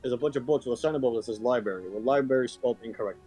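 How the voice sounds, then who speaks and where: A man's voice: medium pitch, rapid-fire, warm tone, slightly rough. Hesitant male game master, faint music. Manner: hesitant, with many restarts. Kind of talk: narrating a tabletop game.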